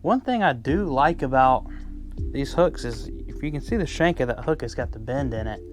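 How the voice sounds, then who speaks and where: A man's voice: mid-range voice, animated, normal speed, faint music behind. A man talking casually to viewers from his boat, explaining step by step how he ties a fishing rig, with plenty of ums and restarts. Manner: chatty, lots of ums and restarts, addresses viewers as guys. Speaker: fishing vlogger. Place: on a boat on a river. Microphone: first-person camera.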